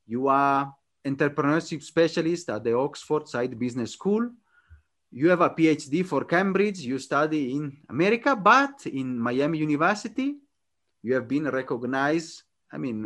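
Podcast host with a halting, eager manner. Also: male voice, mid-range voice, lively intonation, a bit bright. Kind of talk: interview.

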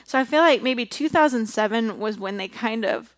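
A woman's voice: a little high, moderate pace, no echo. Chatty young woman reviewing a movie. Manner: chatty, laughs often, many fillers. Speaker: podcast co-host. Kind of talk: casual movie review chat.

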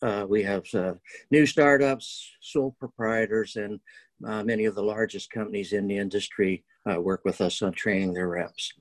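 A man introducing himself on a webinar panel, steady with hesitant pauses. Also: lowish voice, low-quality recording. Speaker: organization founder, panelist.

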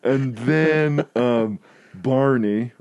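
A man in casual chat, retelling scenes with animated quoting and frequent laughter. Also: mid-range voice, very slow, dull audio.

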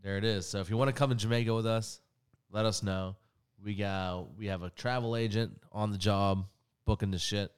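A man's voice: on the low side, moderate pace, clear, resonant tone. A man hosting a casual podcast, joking with friends and thanking sponsors as he wraps up. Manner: joking, lively, signs off the show. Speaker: podcast host.

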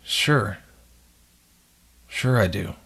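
A man playing a dazed, confused young man in a script read, halting and terse, with a low husky voice. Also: expressive, a bit bright, full character voice. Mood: guarded, confused.

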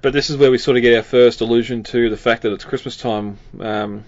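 A man's voice: mid-range voice, steady tone, fairly quick, no room sound, highs cut off. Rambling man chatting about films. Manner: rambling, many fillers, chuckles often. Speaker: podcast co-host. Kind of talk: casual film discussion.

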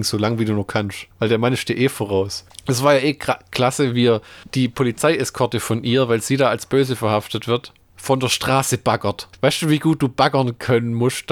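A man's voice: medium pitch, no echo. A man in casual podcast chat about films, rambling and joking, often breaking into laughter. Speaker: podcast co-host.

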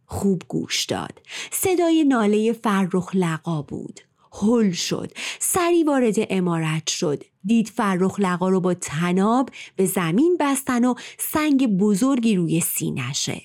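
A woman narrates an old folk tale in a dramatic storytelling manner. Her pitch swings animatedly, and she sometimes drops into a hushed whisper for effect. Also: sing-song.

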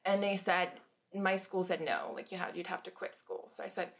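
A woman's voice: on the low side, fairly even intonation, normal speed, crowd noise. A woman in her thirties from Germany, a guest author casually telling stories about her life and laughing between anecdotes. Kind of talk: casual storytelling.

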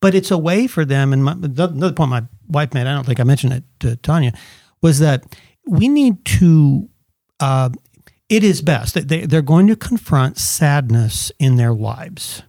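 A man's voice: on the high side, expressive, moderate pace, vocal fry, warm tone, no echo, studio quality. A man who is a guest on a casual talk show, telling anecdotes with acted quotes and frequent restarts. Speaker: podcast guest. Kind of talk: casual chat, storytelling.

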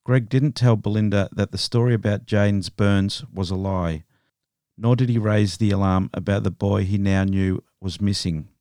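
A man hosting a podcast, narrating a true crime story in a steady, measured way. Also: lowish voice, no room sound, studio quality. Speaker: podcast host.

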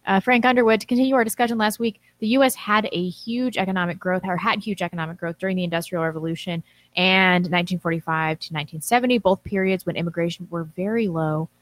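A woman's voice: fairly low pitch, fairly even intonation, fast talker. A woman co-hosting a casual talk show, reading out listener messages and commenting in a blunt, informal way.

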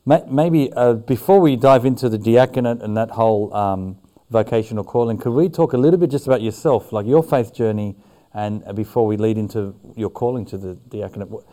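A man's voice: on the low side, brisk, warm tone. A man hosting a podcast in a studio, interviewing a guest in a casual conversational way. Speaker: podcast host.

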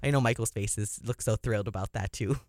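A chatty woman co-hosts a sports talk show, laughing easily and letting her voice leap up high when a point excites her. She speaks close to the mic in a dry studio. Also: fast, no room sound. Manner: chatty, laughs often, animated swings in pitch.

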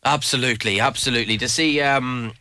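Irish male interview guest, bright and punchy tone, enthusiastic, emphatic, casual delivery, dry sound. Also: mid-range voice, fairly even intonation, brisk, dry recording. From Leitrim, Ireland. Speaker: interview guest, mountain adventure guide. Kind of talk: casual spoken interview answers.

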